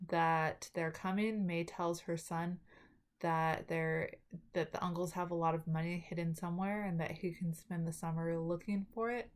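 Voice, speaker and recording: A woman talking with new dental braces, giving a halting spoken summary as a student presenter, often correcting herself. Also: on the low side. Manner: halting, with self-corrections and trailing restarts. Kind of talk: spoken film summary for a class video.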